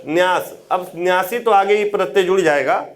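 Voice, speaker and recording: High-voiced male grammar teacher. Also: moderate pace. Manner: explains step by step with tag questions; repeats key words for dictation. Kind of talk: exam prep lecture.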